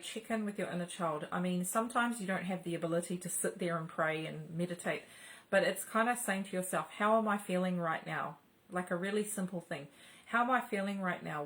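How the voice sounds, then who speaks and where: A woman's voice: on the low side, a bit bright, rough recording. A middle-aged woman hosting a spiritual channel, talking casually and rambling with many fillers and restarts.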